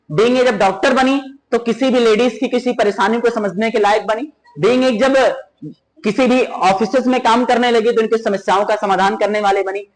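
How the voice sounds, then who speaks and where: A man's voice: very high-pitched, rough recording. A man teaching a class, retelling a story and turning it into moral advice with questions to his students. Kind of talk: classroom lesson explaining a story.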